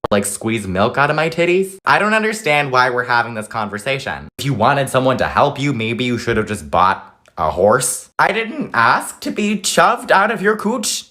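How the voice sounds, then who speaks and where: A man's voice: mid-range voice, big pitch swings, normal speed, pushed and bright. A young man doing sassy, blunt, profane comedy monologues to camera. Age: young adult. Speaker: comedic content creator.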